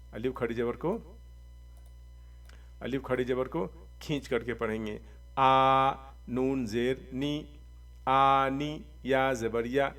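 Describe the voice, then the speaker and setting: A man teaching Quran reading, spelling out letters and vowel marks slowly and drawing them out, with quick explanations in between. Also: mid-range voice, distant mic. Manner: slow drawn-out recitation of letters, quick asides. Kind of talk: spelling out syllables in a lesson.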